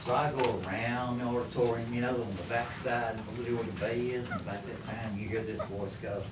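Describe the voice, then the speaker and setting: A man telling casual, chuckling stories to a live group, acting out other people in quick bits of dialogue. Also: medium pitch, flat delivery, heavy background noise. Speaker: storyteller at a krewe gathering. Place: hall with a gathered audience. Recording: echoey room, distant mic, loud ambience.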